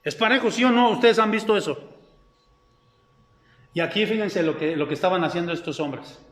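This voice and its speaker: High-voiced pastor in an echoey hall. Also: male voice, fairly quick, a bit bright. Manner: keeps quizzing the congregation. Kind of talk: sermon. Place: church hall. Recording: echoey hall with long reverb.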